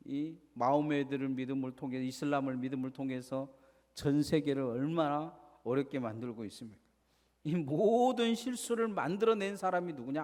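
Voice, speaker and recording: Male pastor, slightly high voice, preaching with rhetorical questions in a long-reverb sanctuary. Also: a little mellow. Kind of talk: sermon. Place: church sanctuary.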